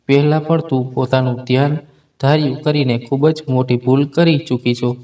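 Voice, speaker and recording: A man's voice: mid-range voice, fairly even intonation, normal speed, warm tone, close to an everyday voice. A man voicing an earnest young husband in a spoken story, talking in a pleading way. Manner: pleading, then hurt. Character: earnest young husband trying to make peace.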